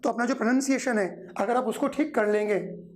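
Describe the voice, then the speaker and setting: A man's voice: extremely high pitch, a little fast, darkish tone. A man teaching a Hindi grammar lesson in an exam-prep lecture. He drills pronunciation by stretching out sounds, repeating his own questions and answers, and calling on viewers as friends to speak along.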